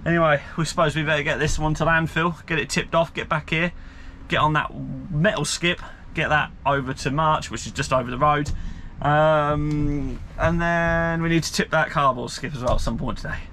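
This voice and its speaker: A man's voice: a little high, fairly even intonation, normal speed. A man, chatting casually to the camera while driving a lorry and working a skip site. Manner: chatty, talks to himself and viewers, sometimes weary. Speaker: truck driver vlogger. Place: cab of a hook-loader lorry, driving. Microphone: dashboard camera mic. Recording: loud engine and road noise. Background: lorry engine and traffic.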